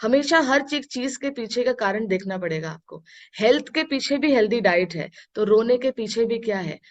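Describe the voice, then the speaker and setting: A woman spiritual teacher giving a talk to an audience, mixing Hindi and English and asking her listeners questions, with slow, emphatic phrases she repeats. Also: a little high, expressive. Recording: dull lo-fi recording.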